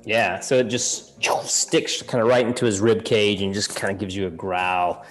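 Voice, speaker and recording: Laughing game master narrating. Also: male voice, fairly low pitch, flat delivery, moderate pace.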